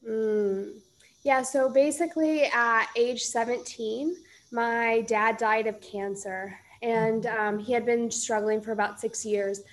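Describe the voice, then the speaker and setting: A woman in her thirties from Iowa, a yoga teacher, tells her story as a podcast guest. She talks in a calm, measured, steady way, her voice a bit higher than most women's. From Iowa, United States. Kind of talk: casual interview answers.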